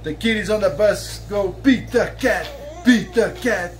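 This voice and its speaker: A camera a few feet away records a man in his thirties lying on a bed in a bedroom, singing a children's song from a book to his child. His high-pitched voice moves at a measured pace, playful and sing-song, with drawn-out line endings, and soft background music plays.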